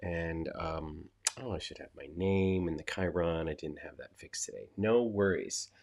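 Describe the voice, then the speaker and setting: A man's voice: sits low, a little slow, a little mellow. A man with a cold and a nasal voice, chatting casually to viewers as a coach on a live stream, with many fillers and asides.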